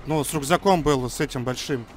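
A man's voice: medium pitch, fairly quick, a little hiss or hum. A man giving casual, blunt callouts to teammates while playing a shooter game. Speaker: video game player. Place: voice chat over a shooter game. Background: music and game gunfire.

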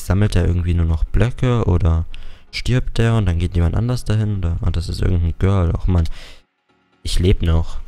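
A man's voice: low-pitched, warm tone. A young man chatting casually at home while playing a game, rambling and swearing now and then. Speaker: gaming YouTuber. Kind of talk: casual Let's Play commentary. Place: home room. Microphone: desktop mic with facecam.

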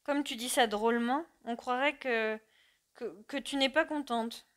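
A woman's voice: fairly high pitch, a little slow, lightly acted. A woman reading as an eager, cheerful young man.

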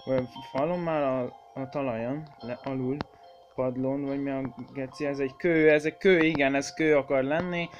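A man's voice: mid-range voice, steady tone, dull audio, faint music behind. A man hosting a horror game let's play, swearing, jumpy and shrieking whenever something startles him, and chatting to viewers he calls kids. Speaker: gaming channel host.

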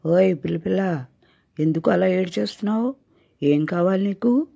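A woman's voice: on the low side, animated, normal speed, creaky, dark tone, husky, no echo, clean studio sound, pitched above the performer's own voice, full character voice. A woman voicing a chummy, offhand frog from a folk tale. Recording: dull lo-fi recording.

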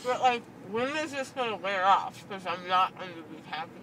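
A woman's voice: medium pitch, animated, brisk, fairly bright tone. A young woman chatting giddily and loopily, her speech slurred by a numb mouth stuffed with gauze after dental surgery. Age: young adult. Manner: loopy, giddy rambling. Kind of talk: casual chat. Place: inside a car. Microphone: handheld phone in the car, a little away. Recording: distant car recording with road noise.

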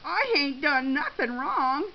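A woman reading a story, voicing a feisty older woman shopper in a slightly higher, brassy voice. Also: big pitch swings, takes it slowly, creaky, exaggerated voice. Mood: frightened. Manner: defiant, brassy. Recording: slightly dull with faint hiss.

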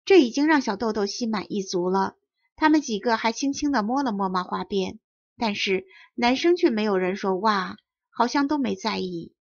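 A woman narrating a children's storybook audiobook in a clear, lively storytelling manner. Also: medium pitch, moderate pace, no echo. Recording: dry, dull lo-fi audio.

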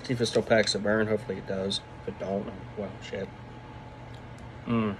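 Recording on a phone at arm's length in a small room, this product reviewer in his 20s talks with dip in his lip during a casual, unscripted vlog review. His pitch is fairly low and his delivery flat at normal speed, over a noisy background.

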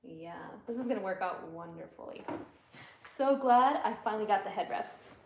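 A woman's voice: medium pitch, lively intonation. A woman in her thirties with an Upper Midwest American accent, chatting casually and giggling as she hosts a livestream, recorded in a small salon room on a camera a few feet off. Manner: chatty, giggly, slow-paced show-and-tell. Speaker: livestream host. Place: small salon room with barber chairs, indoors. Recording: echoey room with faint noise.

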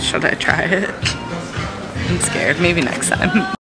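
A woman's voice: on the low side, slow, loud music behind the voice. A young woman with an upstate New York accent, chatting casually as a vlogger into a handheld camera. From upstate New York, USA. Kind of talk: casual vlog chat. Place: car, outdoors and busy large shops. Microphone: handheld camera at arm's length. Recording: noisy handheld camera with surrounding ambience.

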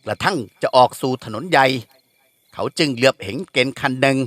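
A man narrates a classic novel at a steady storytelling pace. His voice sits in an ordinary middle register, recorded close and dry. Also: mid-range voice, fairly quick, no echo. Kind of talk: audiobook reading of a novel.

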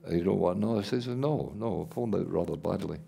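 An older Scottish man with a deep, gravelly voice that has a husky edge. He tells stories at a rambling pace, stopping to restart his sentences, as the guest in an onstage conversation before an audience. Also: warm tone. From Scotland. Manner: rambling anecdotal, halting restarts. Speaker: guest artist and playwright. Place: event hall before an audience.

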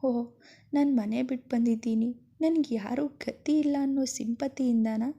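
A woman's voice: sits high, normal speed, creaky, dark tone, husky, lo-fi sound, heavily acted. A woman voicing a hurt, tearful young woman speaking in an upset, pleading way.

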